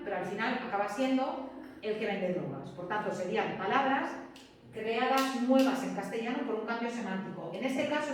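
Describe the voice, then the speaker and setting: A woman lectures a class, her fairly high voice carrying through a very echoey room. She sounds distant the microphone and keeps checking that her students follow. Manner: chatty, peppered with checks for understanding. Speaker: teacher.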